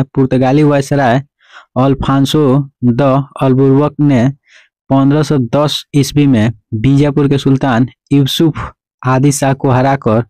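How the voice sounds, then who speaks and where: Mellow-voiced man drilling quiz answers. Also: mid-range voice, no room sound, low-quality recording. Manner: repeats "remember" and "okay" as drilled prompts. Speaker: exam-prep teacher. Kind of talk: quiz explanation lesson.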